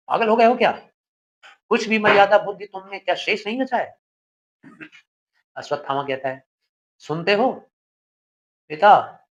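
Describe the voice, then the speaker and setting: A male teacher works through a Hindi verse play, acting out its characters with a raised, dramatic voice and then explaining each line in plain words. His voice sits a little high. The recording is dull and lo-fi. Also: a bit bright. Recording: dull lo-fi sound.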